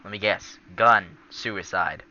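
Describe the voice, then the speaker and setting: A man hosting a let's play of a game, giving casual, jokey gameplay commentary with quick asides. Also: fairly low pitch, pushed and bright, lo-fi sound, a little hiss or hum. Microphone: laptop recording.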